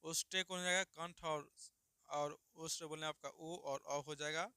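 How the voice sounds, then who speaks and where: Male grammar teacher, bright and crisp, drills letters aloud and asks and answers his own questions. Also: fairly high pitch, steady tone, no echo, clean studio sound. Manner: repeats questions and answers them himself, calls listeners "babu"; sounds out letters slowly for students to copy. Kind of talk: classroom grammar lesson.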